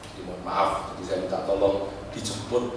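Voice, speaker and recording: A man preaching a sermon, telling stories and urging his congregation with animated, shifting delivery. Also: sits low, brisk, noisy background. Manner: animated storytelling, switching between pleading and urgent exhortation. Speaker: pastor. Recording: echoey church hall from far off.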